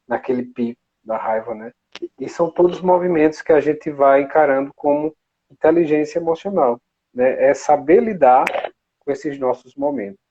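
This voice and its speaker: A man's voice: medium pitch, a little mellow. A man on a live panel, speaking hesitantly with many restarts and "né?". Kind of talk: casual live talk on emotions. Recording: dull lo-fi live stream audio.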